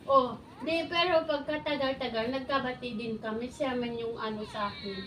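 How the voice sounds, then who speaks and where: A middle-aged woman with a high voice tells a story from her past in easy chat. She acts out what everyone said, keeps bursting into laughter, and sounds roomy and a little distant from the mic. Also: normal speed, a little hiss or hum. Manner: animated storytelling, acting out quoted exchanges, laughing often. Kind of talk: casual chat.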